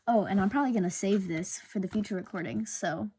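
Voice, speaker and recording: A young woman hosts her own podcast alone, chatting in a rambling, self-conscious way with plenty of fillers. Her voice sits at a middle pitch with a warm, mellow color. She speaks close into a sensitive desk microphone at home. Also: quick pace, slight background noise. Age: young adult. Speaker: podcast host. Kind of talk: casual solo podcast chat.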